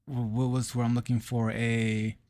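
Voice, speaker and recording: A man's voice: medium pitch, little pitch movement, darkish tone, no room sound, clean studio sound. A man co-hosting a gaming podcast, chatting casually and searching for words as he reviews a game. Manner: slow, halting, searching for words.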